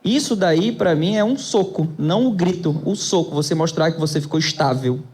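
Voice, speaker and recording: A male instructor adds his thoughts for a class. His voice is husky and a little high for a man. He explains calmly and sums up the lesson. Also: moderate pace. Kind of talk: commenting in a class.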